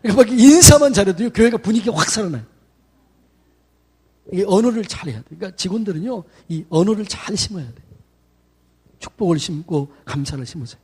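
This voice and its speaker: A middle-aged man, a senior pastor, gives a chatty, lively sermon to church staff and acts out greetings in quoted voices. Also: high-pitched, quick pace, pauses often, husky. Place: church sanctuary.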